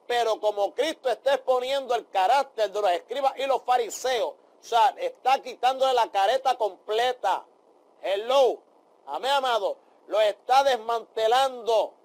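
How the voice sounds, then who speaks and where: A man leads a Bible study in a fervent preaching style. His voice sits very high for a man, and he keeps calling out amén and aleluya to his listeners. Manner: addresses listeners as brothers.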